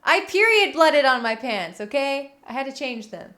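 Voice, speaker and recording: A woman livestreamer chatting casually with viewers in a playful, cutesy, giggly and animated way. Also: sits high, moderate pace. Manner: animated, expressive delivery. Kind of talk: casual live chat. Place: room at home.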